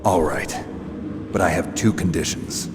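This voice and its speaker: A man voicing a gruff, cynical special operations soldier in a video game, terse and sardonic. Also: low-pitched, a little slow, background noise. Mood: firm, terse. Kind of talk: dramatic video game voice acting. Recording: long hall reverb, music behind.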